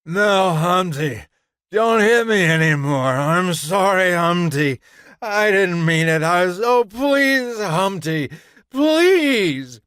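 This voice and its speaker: A man reading aloud and voicing a frightened, pleading woman in a crime story, her voice pitched high and shrill. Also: very animated, slow, hardly any pauses, fairly bright tone, no room sound, clean studio sound, exaggerated voice.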